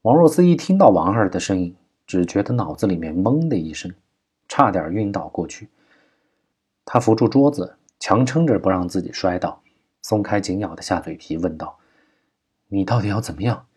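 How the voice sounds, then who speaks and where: A man narrating a crime novel audiobook at a steady, measured pace. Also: sits low, breathy edge.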